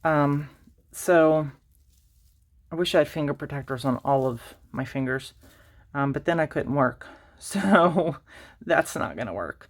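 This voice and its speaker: A woman's voice: deep voice, lively intonation, a little slow, pauses often. A woman hosting a casual craft tutorial, rambling and self-deprecating with lots of fillers and restarts, a little out of breath. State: slightly out of breath. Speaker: crafting channel host.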